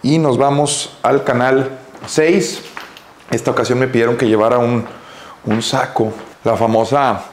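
A man hosting his own vlog in casual chat, relaxed and joking, talking at home and later from a car. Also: medium pitch, roomy sound, slight background noise. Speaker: vlog host.

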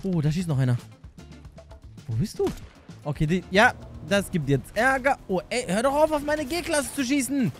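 A man's voice: high voice, lively intonation, normal speed, a bit bright, soft background music. A young man giving hectic, jokey running commentary on his gameplay, often pleading with the game. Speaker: gaming YouTuber.

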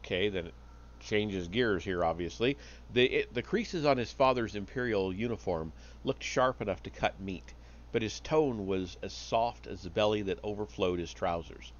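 A man reading a story aloud on a live stream, steady but with small slips and restarts. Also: lowish voice, normal speed, dull audio.

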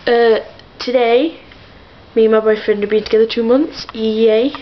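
A woman's voice: on the high side, fairly even intonation, moderate pace, dull audio. A young woman chatting aimlessly to her camera in her bedroom, full of fillers, giggles and side remarks. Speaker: vlogger. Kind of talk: rambling casual vlog.

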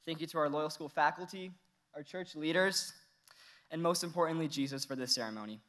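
On a large indoor stage, a teenage valedictorian from Iran gives his graduation speech into a podium mic. He speaks earnestly with light humor and some laughs, in a fairly high, slightly fast, somewhat bright voice.

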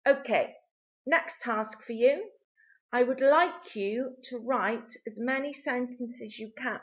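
Woman teacher for a video lesson, slow deliberate drilling, slightly dull lo-fi sound. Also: fairly high pitch. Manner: slow, clear drilling with repetition prompts. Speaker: French teacher. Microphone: video lesson mic.

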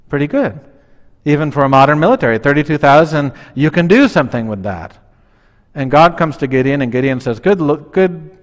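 A man in his forties, a pastor preaching a conversational, humorous sermon at the altar of a church, now and then acting out voices. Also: mid-range voice. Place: large church sanctuary, standing at the altar. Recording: long church reverb.

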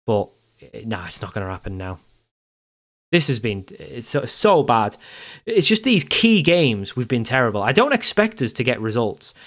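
A young man talks through a football management game in casual, exasperated commentary. He mutters to himself and circles back over the same point again and again. His voice sits at an ordinary middle pitch. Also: big pitch swings, moderate pace, fairly bright tone. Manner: exasperated, self-talking, repeats himself. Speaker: gaming YouTuber.

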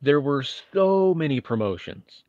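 A man's voice: medium pitch, sing-song, measured pace, no room sound, narrow, tinny audio. A man from Indiana, podcast co-host, telling chatty, winding stories with self-deprecating asides. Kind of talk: casual nostalgic storytelling.

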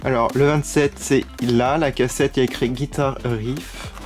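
A man's voice: mid-range voice, fairly even intonation, normal speed. Gushing man unboxing toys over music. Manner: gushing, frequent delighted exclamations. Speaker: toy unboxing vlogger. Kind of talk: casual unboxing commentary. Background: background music.

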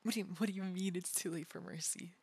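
A man's voice: sits high, lively intonation, sharp tone, husky, full character voice. Man playing a giggly gremlin femboy pleading through tickles. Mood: giggling, pleading. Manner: breathless giggly pleading under a tickle attack, rapid repeated words. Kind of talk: ASMR role-play.

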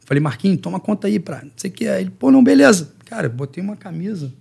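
This middle-aged jiu-jitsu teacher from Rio de Janeiro, Brazil, talks very fast in a high, creaky voice with a breathy edge. As a podcast guest, he tells lively stories and acts out other people's lines in their voices.

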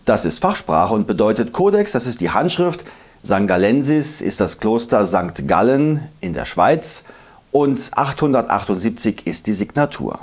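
Male history narrator, lower voice, lively animated delivery, scripted lesson read. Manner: lively, emphatic explainer who slows to recite old verses. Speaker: history video host.

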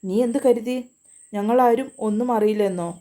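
A woman's voice: a little high, moderate pace, close to an everyday voice. A woman voicing a furious older brother who scolds and orders his sister about. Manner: scolding, shouting commands.

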